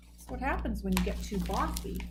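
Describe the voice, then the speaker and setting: A woman reading a picture book aloud to children at bedtime, pausing to explain the story gently. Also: medium pitch, expressive, background noise.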